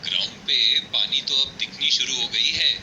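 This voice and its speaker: A man voicing an excitable cricket commentator in a video game, with animated, dramatic phrasing. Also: medium pitch, normal speed, gravelly, lightly acted. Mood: excited, engaged. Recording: noisy stadium game audio.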